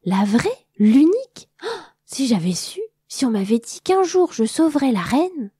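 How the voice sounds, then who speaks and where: A woman's voice: mid-range voice, brisk, warm tone, no echo, clean studio sound, close to an everyday voice. A woman voicing a kind, courteous male butterfly who watches the garden at night. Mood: amazed. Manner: kindly, fussing, courteous.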